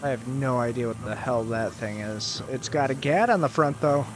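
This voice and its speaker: A man's voice: mid-range voice, normal speed, noisy background. A man giving casual commentary while he plays a video game, exasperated and swearing as he talks to his viewers. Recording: game sound playing loudly under his voice.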